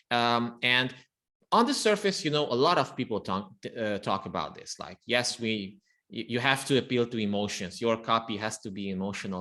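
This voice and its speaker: A man's voice: mid-range voice, pushed and bright. A man from Romania whose first language is Hungarian, a copywriter guest on a podcast interview, who speaks thoughtfully and restarts his phrases often.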